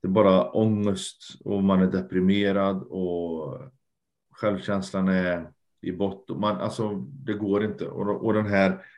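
A man with a fairly low voice, guesting in a candid conversation. He speaks earnestly and reflectively, trailing off and repeating words as he thinks. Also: little pitch movement, darkish tone, lo-fi sound. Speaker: podcast guest, lecturer.

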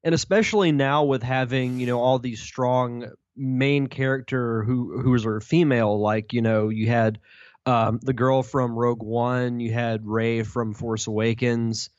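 A man's voice: medium pitch, steady tone, a little slow, dry recording. An easygoing man co-hosts a podcast, chatting along and reading out a news item. His mid-range voice comes through a dry, slightly muffled recording. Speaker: podcast co-host. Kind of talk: casual chat, reading news aloud.

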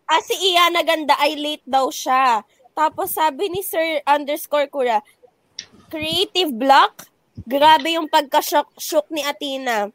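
A woman's voice: sits high, slow, fairly bright tone, no echo. A woman co-hosting a live stream, reading out viewer comments in a playful, teasing way. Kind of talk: casual live-stream chat.

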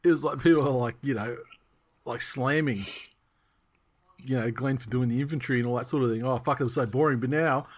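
A man's voice: medium pitch, a little fast, pauses often. A man with an Australian accent hosting a podcast in casual, sweary banter, often repeating and rephrasing himself. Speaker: podcast host.

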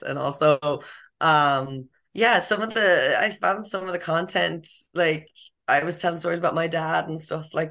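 A young woman with a low voice and a west of Ireland accent. She chats casually as a guest, in an informal, slangy way, and swears freely. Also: fairly bright tone. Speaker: interview guest, comedian. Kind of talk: casual chat.

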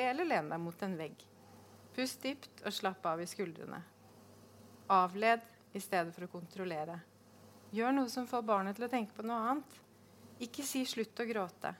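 A woman reading aloud from her own novel, measured and deliberate, with sudden sharp outbursts in the dialogue. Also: mid-range voice, slight background noise. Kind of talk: literary reading.

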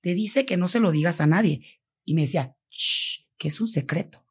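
A Mexican woman, a foundation founder, telling a story in an interview and acting out the dialogue with lively voices. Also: on the low side, fairly quick, husky. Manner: animated, acts out quoted dialogue.

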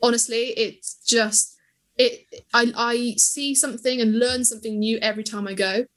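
A podcast guest in her twenties who makes travel content shares her travel stories enthusiastically, peppering them with fillers during a casual interview. Her voice sits on the high side and is a bit bright, with fairly even intonation and a normal pace.

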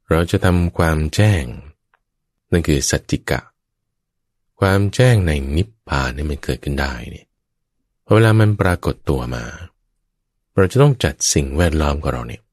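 A man with a very low, deep voice preaches a Buddhist sermon, speaking straight to his listeners again and again. He tells it with vivid sound words and playful asides. The sound is close and dry, with no room echo. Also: a little mellow. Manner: keeps addressing the listeners directly.

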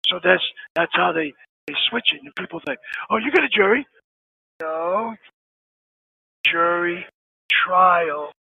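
A man phones in from prison, and his high, gravelly voice comes through a thin, tinny phone line. He speaks earnestly and hammers his points home by saying them again. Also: expressive, slow pace, long pauses, dry recording. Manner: earnest, emphatic, repeats key phrases. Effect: heard over a prison phone line. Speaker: caller, an inmate phoning in. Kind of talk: phone interview.

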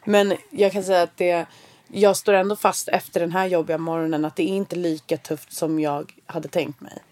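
A woman's voice: lowish voice, flat delivery, darkish tone. Frank, down-to-earth woman podcaster. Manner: frank and down-to-earth, swears casually. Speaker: podcast co-host. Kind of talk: casual podcast chat.

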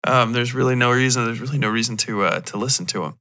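A man with a bright, forward voice and a mid-range male pitch hosts a solo podcast. He speaks quickly and casually, rambling into digressions with a self-deprecating edge.

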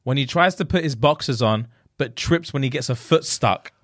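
A man with a London accent bantering casually as a podcast co-host in roadman street slang, animated and sweary. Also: medium pitch, moderate pace.

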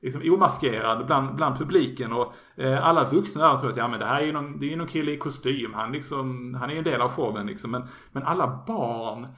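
A man's voice: mid-range voice, hardly any pauses, bright, forceful tone, echoey room. A man hosting a casual podcast about comics, talking hesitantly with many fillers and restarts. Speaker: podcast host.

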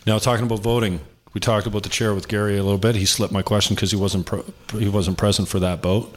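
A Canadian man with a lowish voice hosts a political interview. He keeps it casual and informal, with a joking manner as he puts questions to his guest. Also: steady tone, fast. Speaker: interview host.

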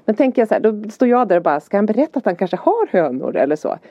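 A woman's voice: medium pitch, no echo. A woman, a mother and podcast co-host, telling family stories in casual chat and acting out lines from her son and herself. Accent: Swedish. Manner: animated storytelling, acting out her son's and her own lines. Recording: slightly dull dry podcast audio.

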